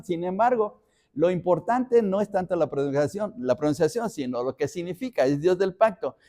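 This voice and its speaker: A man's voice: on the high side, darkish tone. A man from Mexico, a pastor teaching a Bible study, explaining word by word and repeating phrases as he reads references.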